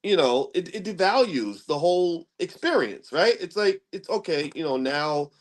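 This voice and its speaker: A man's voice: on the high side, expressive, normal speed. A middle-aged man, casually explaining money ideas in a rambling style and often checking in with "right?". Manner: conversational, rambling with restarts, asks listeners "right?". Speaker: commentator on economics. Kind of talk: casual lecture-style talk.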